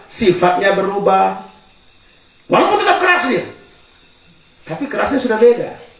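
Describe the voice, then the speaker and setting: A male pastor preaching a sermon with animated, humorous storytelling, heard from a distance in an echoey hall. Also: high voice, moderate pace.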